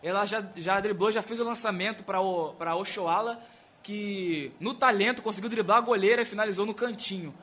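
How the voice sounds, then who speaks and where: A man's voice: high-pitched, brisk, pushed and bright. A Brazilian man giving live analysis as a football match commentator.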